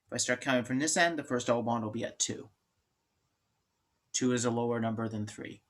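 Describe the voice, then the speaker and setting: A man's voice: medium pitch, fairly quick, fairly bright tone. A man lecturing on chemistry in an informal, joking way, thinking aloud and restarting sentences. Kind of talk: classroom lecture.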